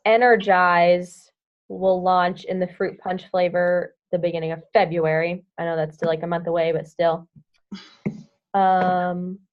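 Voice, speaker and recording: A chatty young woman leading her team through a casual update. She strings her thoughts together with constant "like" and "um" and hums small filler tunes while she thinks. The sound is dull and lo-fi. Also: lowish voice. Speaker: team coach leading a group call. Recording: dull lo-fi audio.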